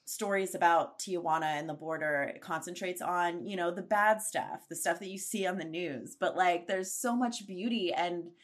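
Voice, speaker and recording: A woman co-hosting a podcast, talking enthusiastically in a loose, casual way. Her speech is full of "like" and "you know". Her voice is a little lower than most women's. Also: normal speed, few pauses. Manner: enthusiastic, filler-heavy. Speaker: podcast co-host. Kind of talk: casual interview chat.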